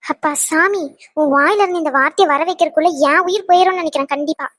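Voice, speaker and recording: A shrill, very high-pitched cartoon girlfriend, voiced by a woman, rattling off a fast stream of nagging complaints. She scolds and sighs in exasperation at her timid boyfriend. The sound is dry and close. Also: a bit bright, no room sound. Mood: exasperated. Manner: nagging, scolding, sighing exclamations. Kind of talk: cartoon voice acting.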